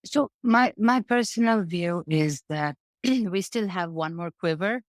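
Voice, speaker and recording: A woman's voice: lowish voice, lively intonation, a little slow, dry recording, clean studio sound. A woman from Bangladesh, a guest analyst explaining the economy in a conversational interview, often checking in with "right?". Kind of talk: interview answers on markets.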